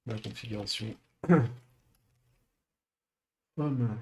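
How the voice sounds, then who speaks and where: Slow, hesitant low-voiced man coding live. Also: husky. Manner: hesitant, thinking aloud with many fillers.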